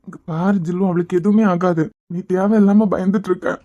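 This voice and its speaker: A woman's voice: lowish voice, steady tone, fairly quick, lo-fi sound, close to an everyday voice. A woman voicing a protective, hot-tempered young father in a cartoon series, with a Kanyakumari Tamil accent. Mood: anxious. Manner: forceful, reassuring to family.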